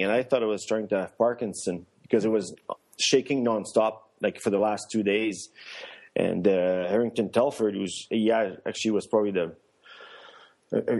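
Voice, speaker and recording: A man's voice: lowish voice, darkish tone. A middle-aged man, a former athlete, casually tells a story in an interview. He restarts often and laughs here and there. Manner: rambling, with many restarts and fillers; laughs while telling stories. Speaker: guest, former luge athlete and coach.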